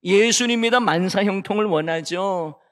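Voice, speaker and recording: A middle-aged male pastor preaching a revival sermon in a church. He moves between soft storytelling and loud, emphatic preaching. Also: high-pitched, normal speed. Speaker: guest pastor. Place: church sanctuary. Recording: long church-hall reverb.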